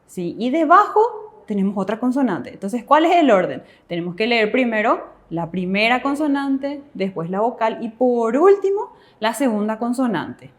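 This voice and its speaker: Female co-teacher, somewhat high voice, steady step-by-step explanations. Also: normal speed. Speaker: language teacher answering questions. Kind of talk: classroom explanation.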